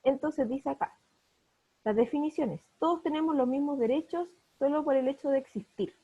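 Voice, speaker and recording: A woman's voice: sits high, moderate pace, warm tone, lo-fi sound. A woman teacher, patiently explaining each word step by step in an online class over a video call. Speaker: primary school teacher.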